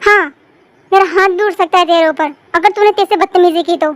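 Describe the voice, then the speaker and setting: Girl doing a young husband guy, firm and warning, very high voice, dry close mic. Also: steady tone, brisk, dry recording. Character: young husband, defensive and emotional. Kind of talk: fan audio story voice acting.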